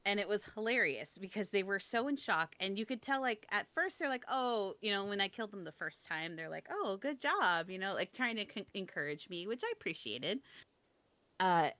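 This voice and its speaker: Young woman, bright voice, a little low, casual chat, storytelling, self-deprecating, dry close sound. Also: lively intonation, a little fast, dry recording.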